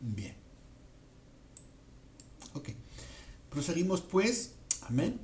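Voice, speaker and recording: A man's voice: sits high, sing-song, extremely slow, a little mellow, echoey room, a little hiss or hum. A man preaching a sermon as pastor, often checking in with his listeners and rising to emphatic questions.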